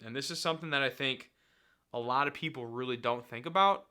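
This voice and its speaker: A man's voice: medium pitch, a little fast, sharp tone, clean tone. A man in his thirties giving blunt, casual commentary on clips, laughing often. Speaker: finance YouTuber reacting to clips. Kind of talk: casual commentary and sponsor read.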